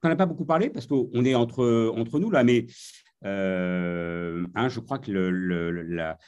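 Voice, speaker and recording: A man hosting a master class, speaking in a relaxed, hesitant way with many fillers. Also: fairly low pitch, measured pace, clean tone, highs cut off. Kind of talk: moderating a talk.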